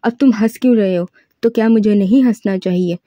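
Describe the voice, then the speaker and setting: A woman voicing a feisty young businesswoman who snaps back in sharp, argumentative retorts. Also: mid-range voice, brisk, no room sound, dull audio, natural voice.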